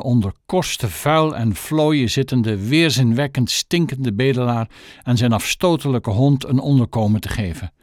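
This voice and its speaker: A man's voice: medium pitch, no echo, clean studio sound, lightly acted. A man voicing a pompous, snobbish mother and politician with an affected, posh phone voice.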